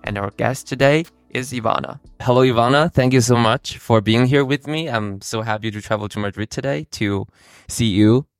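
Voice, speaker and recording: A man speaks as a podcast host in a mid-pitched voice with plenty of vocal fry. His delivery is conversational and explanatory, like someone introducing and running an interview. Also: fairly quick, dry recording, studio quality, soft background music. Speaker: podcast host, college counselor.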